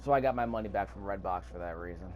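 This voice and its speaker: Racing along in a low voice, a man hosting a gaming video gives loose, rambling commentary and reads prompts aloud while he plays. The recording is muffled, with faint background noise.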